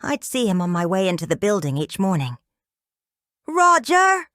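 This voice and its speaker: A woman narrating a first-person thriller audiobook with expressive reading, recorded on a close mic. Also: on the low side, quick pace, dry recording.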